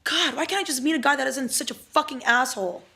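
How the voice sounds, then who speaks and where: A woman's voice: sits high, quick pace, bright, forceful tone. An actress playing a bitter young woman fed up with men, ranting scornfully.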